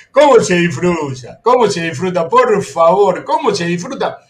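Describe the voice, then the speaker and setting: A high-voiced Argentine man hosts a sports radio show with wild swings in energy. He mocks rival fans, laughs a lot, and calls out to the control room between rants. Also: unhurried, a little hiss or hum. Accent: Argentine Spanish. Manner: animated, mocking, laughs often; gives orders to the control room. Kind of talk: excited sports talk.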